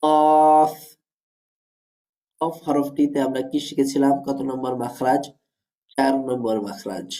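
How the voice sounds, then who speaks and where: A man's voice: mid-range voice, steady tone, normal speed, dark tone, faint music behind, rough recording. A man teaching Arabic letter pronunciation as a lesson, methodical and formal with his students, repeating each point.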